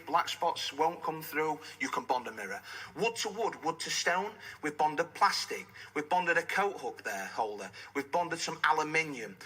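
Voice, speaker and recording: A man presenting a live home shopping demonstration, explaining step by step with emphatic, instructional selling and a husky voice. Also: a little high, sharp tone, poor audio.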